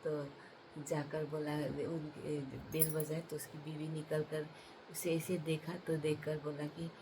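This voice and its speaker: A woman telling a comic folk tale in a casual, halting way, with many fillers and restarts. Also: low voice, completely flat delivery, noisy background. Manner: halting, with many fillers and restarts, laughing at her own jokes. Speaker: storyteller, channel host.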